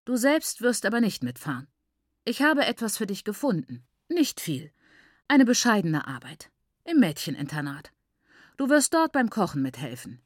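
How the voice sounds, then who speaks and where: A woman's voice: mid-range voice, big pitch swings, moderate pace, no room sound. A woman voicing a self-satisfied, paternal uncle who speaks offhandedly. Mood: offhand. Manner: offhand, matter-of-fact. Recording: dry close recording.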